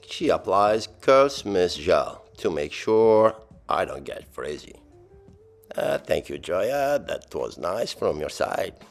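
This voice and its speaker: Middle-aged man, Lebanese accent, deep and gravelly, for a playful, dryly funny tutorial voice-over. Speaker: voice-over narrator of a hair tutorial. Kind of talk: playful scripted voice-over, speaking as the hair.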